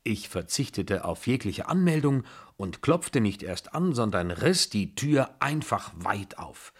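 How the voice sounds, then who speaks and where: Tiefe, belegte Erzählerstimme eines Mannes. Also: male voice, on the low side, very animated, unhurried, husky. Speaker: audiobook reader. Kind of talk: scripted first-person narration.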